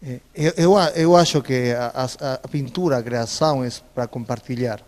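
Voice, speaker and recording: A Peruvian man, a visual artist and native Spanish speaker with a Peruvian accent, answers interview questions hesitantly, using many filler sounds. His medium-pitched voice is a little mellow and moves at normal speed. A long reverb tail trails his words.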